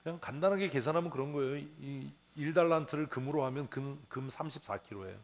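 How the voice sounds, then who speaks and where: In a church sanctuary, a male pastor preaches conversationally, telling a parable, voicing its characters and putting questions to the congregation. His voice is on the high side and fast, with slight background noise.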